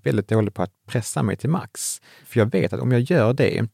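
A man talking about running and health as an author guest in a relaxed, reflective way, often restarting his sentences. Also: mid-range voice, vocal fry, husky, no echo, clean studio sound. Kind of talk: casual conversation.

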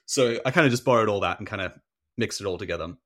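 A man's voice: on the low side, quick pace, fairly bright tone. A man, talking casually and animatedly as an author guest in an interview, with many filler words.

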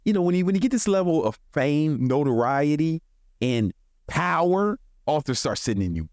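An American podcast host in his forties gives a casual motivational talk full of colloquial, profane language, chuckling often. His fairly high voice is sing-song and a little mellow, at a moderate pace, in a clean studio recording with no room sound.

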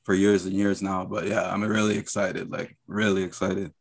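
A man's voice: low voice, level tone, normal speed. A man hosting a casual sports podcast, enthusiastic and repeating words for emphasis. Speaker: podcast host.

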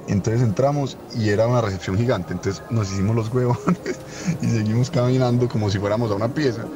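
A man's voice: medium pitch, fairly even intonation, brisk, over music. A young man with a Colombian accent telling a rambling, amused anecdote with many restarts. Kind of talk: casual anecdote storytelling.

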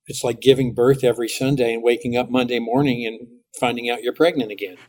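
A middle-aged man, a pastor, talking as a guest in a podcast interview and telling lively stories with frequent restarts. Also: medium pitch, fast talker. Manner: animated storytelling with lots of restarts.

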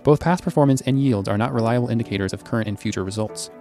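A man's voice: mid-range voice, soft background music. Man racing through a disclaimer. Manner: rapid, flat read. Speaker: disclaimer announcer. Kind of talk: legal disclaimer read.

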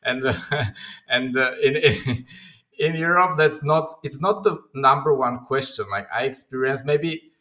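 A man's voice: medium pitch, unhurried, pushed and bright. A man talking as a guest on a podcast from his own apartment over a video call, hesitant with many restarts and fillers. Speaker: guest, company founder. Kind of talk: casual interview chat.

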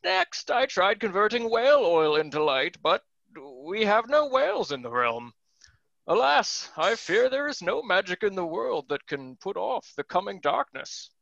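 A man's voice: high voice, very animated, measured pace, vocal fry, fairly bright tone, dry recording, dull audio, heavily acted. A man playing a pompous, bumbling old alchemist with a grand manner. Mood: grandiose. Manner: grandiose, then deflating.

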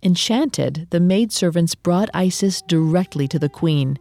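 A woman narrating a mythology podcast in a measured storytelling manner. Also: on the low side, warm tone.

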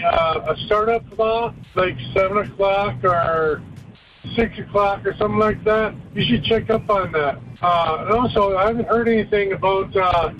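A man leaving a casual voicemail over a phone line, pausing often with "uh". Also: sits high, slight background noise. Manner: halting, with many "uh" pauses. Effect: voice heard over a phone line.

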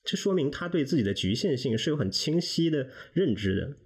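A man in a podcast book discussion, speaking in a measured, reflective way. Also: on the high side, sing-song, husky. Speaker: podcast guest, reader. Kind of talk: casual discussion.

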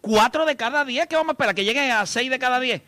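A Puerto Rican man with a high voice and a bright, forceful tone. He co-hosts a talk show with blunt, emphatic storytelling. The sound is dry and close. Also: fast talker, no echo. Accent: Puerto Rican Spanish. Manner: emphatic, blunt storyteller who swears and addresses listeners. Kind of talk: casual chat.

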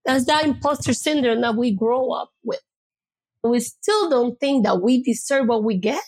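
A woman's voice: on the high side, expressive, normal speed, a little mellow. A woman from the Bronx, telling personal stories in an interview, emphatic and repeating phrases for weight. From the Bronx, New York. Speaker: interview guest, mother of young children.

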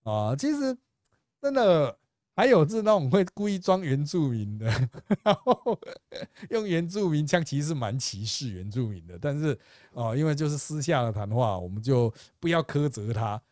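Lively Taiwanese-accented man telling stories. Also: on the high side, moderate pace, no room sound, clean studio sound. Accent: Taiwanese Mandarin. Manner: animated, laughs often, swears casually. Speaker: podcast host. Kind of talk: casual storytelling chat.

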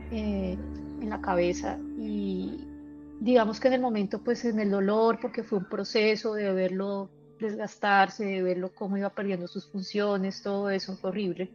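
A woman shares personal experiences as a guest in a casual interview, telling her stories in an earnest, emotional, halting way. Her mid-range voice is a little mellow, and the recording has its highs cut off.

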